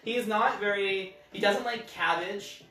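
A man's voice: sits high, measured pace, pushed and bright. Playful drag queen storyteller in a roomy space. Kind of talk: children's storytime, casual chat with viewers. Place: living room at home, indoors.

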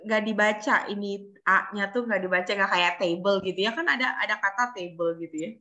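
A woman's voice: medium pitch, brisk, sharp tone. A woman teaching an English class with an Indonesian accent, explaining in Indonesian and modelling English words. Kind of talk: online class feedback.

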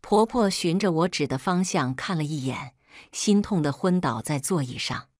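A woman narrating a first-person story in a steady, low-key scripted way. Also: moderate pace, no room sound, clean studio sound.

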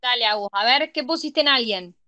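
A woman tutor with a fairly high pitch and a brisk, sharp tone teaches a grammar class. She frequently checks that students are following, using ¿sí? and ¿estamos?

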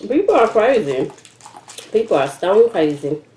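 A woman's voice: mid-range voice, sing-song, a little slow, warm tone. A woman in her thirties talking casually to camera while eating, chewing between and through her words. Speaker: mukbang vlogger. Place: indoors at a table, kitchen setting. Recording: roomy echo with faint noise.

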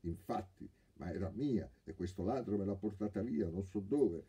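Man doing a whiny blind man, aggrieved, raised pitch, husky, audiobook. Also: lively intonation, normal speed, dark tone, full character voice. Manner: whining.

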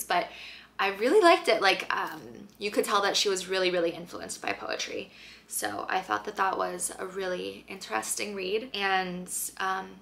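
Bright-voiced chatty young woman vlogger. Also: medium pitch, vocal fry. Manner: chatty, upbeat, filler-heavy with lots of "like". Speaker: lifestyle vlogger. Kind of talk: casual chat to camera. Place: bedroom at home, indoors.

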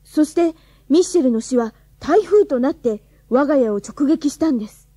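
An eager, pleading schoolgirl detective, radio drama, very high voice. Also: expressive, normal speed, warm tone, no echo. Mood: narrating. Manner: pleading, breathless, stammering. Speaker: lead actress and narrator.

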